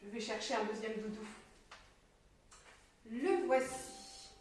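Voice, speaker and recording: A French woman teacher, slowly and clearly sounding out syllables for young children. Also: on the high side, animated, darkish tone, distant mic, slight background noise. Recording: very echoey room, voice from off mic.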